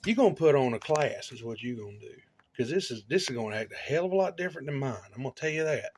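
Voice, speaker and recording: A middle-aged man hosting a casual chat in his home hobby shop, excitable and swearing a lot as he exclaims over things. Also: medium pitch, quick pace, husky. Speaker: channel host.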